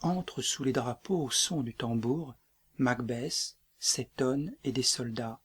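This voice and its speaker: Husky man reading stage directions. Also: takes it slowly. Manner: low, subdued delivery of directions. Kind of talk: dramatic play reading.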